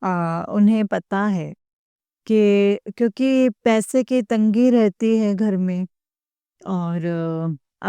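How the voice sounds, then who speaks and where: A middle-aged woman giving a devotional talk to followers. She speaks slowly and earnestly, with frequent pauses and fillers, and keeps addressing her listeners. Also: mid-range voice, mellow, smooth, no room sound. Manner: slow, halting, with many pauses and fillers. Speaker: devotee sharing experiences with followers.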